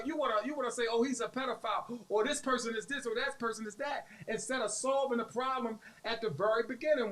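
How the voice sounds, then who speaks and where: Very high-pitched earnest male guest. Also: a bit bright. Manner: earnest, emphatic repetition. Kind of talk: casual panel talk.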